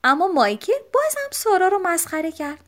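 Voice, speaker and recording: A woman reads a children's storybook aloud, her fairly high voice rising and falling in lively swings. The telling is expressive and animated, made for young listeners. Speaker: audiobook narrator.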